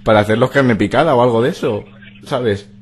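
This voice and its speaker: A young adult man with a Spain Spanish accent, a prank caller and video host, makes a prank phone call from a small bedroom. His mid-range voice is brisk, his phrasing casual, stumbling and repetitive, and a noisy hum runs behind him.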